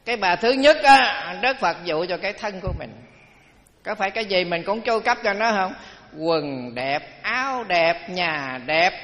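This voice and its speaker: A man's voice: high voice, animated, a little slow, fairly bright tone. A man, a Buddhist monk giving a folksy sermon full of humorous anecdotes and repeated phrases. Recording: dull lo-fi recording in a reverberant hall. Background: audience laughter.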